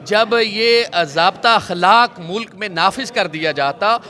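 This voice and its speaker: A male religious scholar answers a reporter's questions outdoors in a measured, sermon-like cadence, citing scripture as he goes. His voice sits high and sounds bright and forceful, picked up on a handheld mic in a city setting. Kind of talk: street interview answers.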